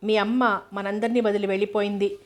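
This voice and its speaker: A woman reading aloud, voicing a gentle male doctor who consoles his son in soft speech. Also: medium pitch, level tone, brisk, close to an everyday voice. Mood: tender.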